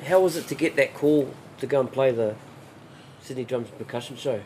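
A man's voice: mid-range voice, fairly quick, darkish tone, a little hiss or hum. Matey man. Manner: slangy, encouraging, matey. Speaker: interviewer. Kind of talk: casual chat.

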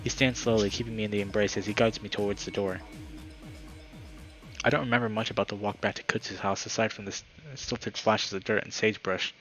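Low-voiced man reading a story aloud. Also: steady tone, fairly quick, a bit bright, faint music behind, poor audio. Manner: dramatic story reading with casual asides. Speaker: gaming YouTuber. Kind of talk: reading a visual novel aloud.

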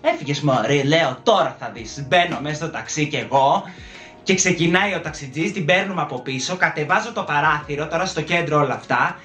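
A man telling a dramatic story time to his viewers in a casual, animated way, acting out the lines of the people in it. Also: a little high, soft background music. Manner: animated, dramatic retelling with acted-out quotes. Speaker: storytelling vlogger. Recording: roomy echoey room.

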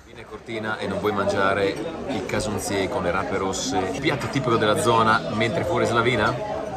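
A man's voice: fairly low pitch, moderate pace, over a noisy crowd. A man with an Italian accent, vlogging casually and enthusiastically outdoors about the cars he sees. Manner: enthusiastic, excitable, talks to viewers. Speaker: car vlogger. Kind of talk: casual vlog commentary. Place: outdoors in a mountain town. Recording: with music behind.

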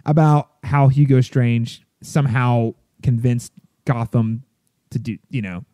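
A man's voice: medium pitch, fairly even intonation, a little slow, dark tone, no room sound. A man co-hosting a podcast as film critic, chatty and hesitant, often restarting his sentences. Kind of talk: casual chat.

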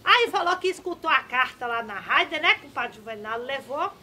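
A high-pitched, bright old granny who gets flustered and fussy in rustic country speech. Her voice leaps all over the place as she fusses. It is a comedy sketch character. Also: sing-song, moderate pace, slight background noise, full character voice. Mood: gossiping. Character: nagging elderly countrywoman granny, easily flustered.

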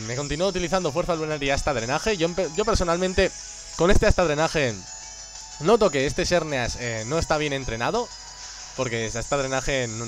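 A man giving casual, joking commentary on a game, excitable and prone to sudden shouts. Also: mid-range voice. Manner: excitable, joking, bursts into shouts and silly voices. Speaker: gameplay commentator.

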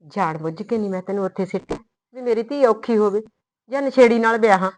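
A woman's voice: medium pitch, fast talker, lightly acted, poor audio. A woman playing a worried rural mother who scolds and pleads with her daughter. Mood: scolding. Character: worried rural mother, firm yet loving. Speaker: mother of the heroine. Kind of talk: village short-film drama.

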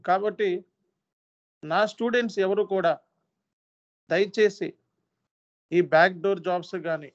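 Stern high-voiced man lecturing trainees. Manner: stern, lecturing, repeats points for emphasis. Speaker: SAP training instructor. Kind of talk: earnest appeal to trainees. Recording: dull lo-fi sound.

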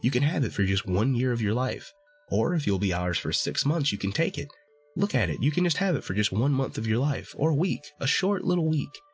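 A man plays a pair of tiny dwarves begging in an eager, hurried whisper. The voice is pitched well up, breathy and husky, over faint music. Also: big pitch swings. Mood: pleading. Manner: hurried loud whisper, pleading.

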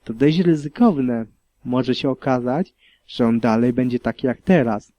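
A man's voice: medium pitch, mellow, no echo, lo-fi sound, close to an everyday voice. A man voicing a wary male unicorn. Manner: wary, deliberate. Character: cautious male unicorn, council member.

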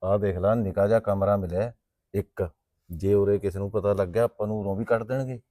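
Man playing a deep, dark-voiced anxious man. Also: steady tone, brisk, no echo, clean studio sound, close to an everyday voice. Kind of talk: village short-film acting.

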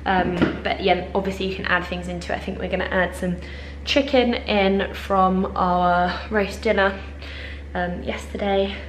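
A woman's voice: mid-range voice, steady tone, measured pace. A young woman chatting casually through a home kitchen vlog, rambling with lots of fillers. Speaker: vlogger. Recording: noisy kitchen recording.

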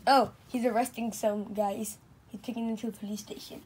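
A woman's voice: a little high, steady tone, fairly quick, a little mellow, a little hiss or hum. A woman making a plush toy video who talks playfully and voices many of the toy characters herself. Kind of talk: playful toy skit narration.

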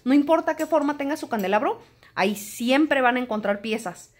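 A woman, chatting to camera in a home vlog and telling stories in an animated way. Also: high voice, moderate pace. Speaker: home vlogger. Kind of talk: casual chat to camera.

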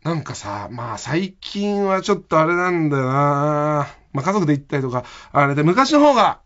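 A man's voice: a little high, moderate pace. A man hosting a radio show, telling an anecdote in casual talk and acting out the quotes. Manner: animated storytelling, acting out quotes. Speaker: radio host. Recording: lo-fi radio audio.

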